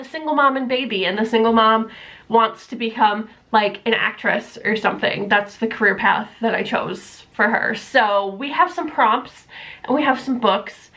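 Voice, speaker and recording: A young woman book vlogger with a fairly bright, highish voice chats casually from a room at home that isn't set up for filming yet, recorded on the camera mic with the camera propped on books. Stuffy and nasal from allergies, she rambles with lots of fillers and puts herself down.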